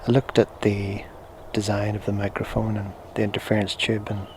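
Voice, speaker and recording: Man, lowish voice, hesitant casual product review, noisy rumbly on-camera mic recording. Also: completely flat delivery, normal speed. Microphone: small on-camera shotgun microphone via recorder into camera.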